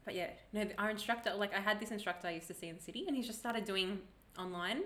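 A woman's voice: mid-range voice, fast, fairly bright tone. A woman in her thirties, a bashful, giggly guest chatting casually on a podcast. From Australia.

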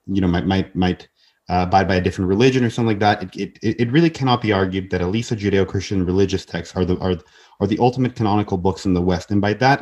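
A man in his twenties with a lowish, darkish voice appears as a podcast guest, talking earnestly in casual conversation. He frequently restarts sentences and repeats words.

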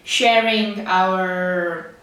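A young Czech woman with a Czech accent vlogs casually to the camera, rambling with lots of fillers and laughs. Her voice is lowish and fairly bright, her intonation fairly even, and she speaks very slowly. The camera's built-in mic picks her up from a distance in a small studio, so the sound is roomy with faint street traffic outside.

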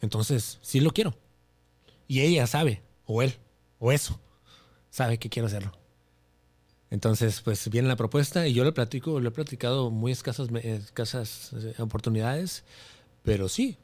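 A man's voice: mid-range voice, normal speed, long pauses. A young Mexican man, a guest on a podcast, telling a personal story with animation and acting out the lines of the dialogue he quotes. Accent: Mexican Spanish. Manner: animated, acts out his own quoted dialogue.

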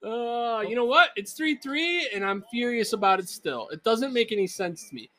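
Excitable high-voiced man, swearing sports fan. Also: normal speed, no room sound. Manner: excitable, swearing, shouts at the game. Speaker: podcast co-host. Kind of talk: casual sports chat.

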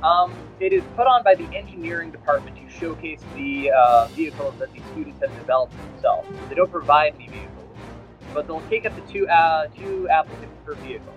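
A man's voice: fairly high pitch, a little fast. Man narrating a tabletop game, lo-fi. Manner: relaxed narration with many fillers. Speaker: game master. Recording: dull lo-fi sound with faint music.

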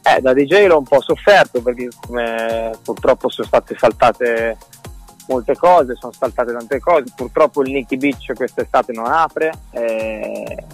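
A man's voice: mid-range voice, unhurried, breathy edge, faint music behind. A man, a DJ guest, chatting casually over a phone line, an easygoing speaker who likes to repeat his words. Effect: heard over a phone line. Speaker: guest DJ and producer. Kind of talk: casual interview chat.

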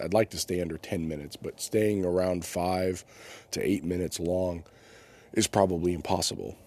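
Stuffed up with a cold, a man with a low, mellow voice hosts his own podcast. His casual talk is loose and rambling, and he often corrects himself.

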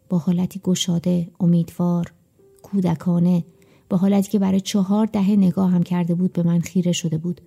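A woman narrates a first-person story in audiobook style, her voice dark and very mellow with a gravelly texture. She reads at a measured, reflective pace, and soft music plays faintly underneath. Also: lowish voice.

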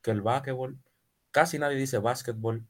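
A man with a Dominican accent, co-hosting a casual podcast chat in a joking, animated way, often repeating words. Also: medium pitch, a little fast. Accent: Dominican Spanish. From Dominican Republic. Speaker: podcast co-host.

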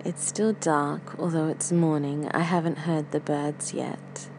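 A woman's voice: sits low, little pitch movement, unhurried. A woman podcast host thinking aloud in a casual, reflective monologue, with some hesitancy as she feels for words. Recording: faint air conditioner hum. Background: humming air conditioner.

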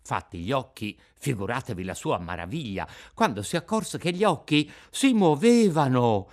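A man reading a children's tale aloud as narrator, with expressive, rising and falling storytelling. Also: mid-range voice, normal speed. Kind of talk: scripted narration. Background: faint music.

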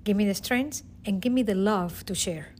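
At medium pitch and moderate pace, her slightly dark voice carries faint background noise. This middle-aged Venezuelan teacher, a guest with a Venezuelan Spanish accent, delivers an emotional, earnest personal testimony, restarting many times.

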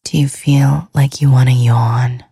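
Female sleep-podcast host; slow, soothing whisper, gravelly and mellow. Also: extremely low pitch, fairly even intonation, no room sound, studio quality. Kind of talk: whispered ASMR sleep talk.

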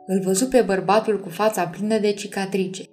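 A woman narrating an audiobook chapter in a measured, expressive reading. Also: mid-range voice, faint music behind.

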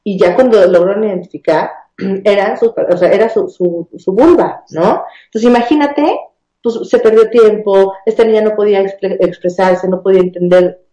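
A woman's voice: mid-range voice, normal speed, mellow, echoey room, low-quality recording. A woman with a Mexican accent explains child body safety in casual conversation, often restarting and adding tag questions.

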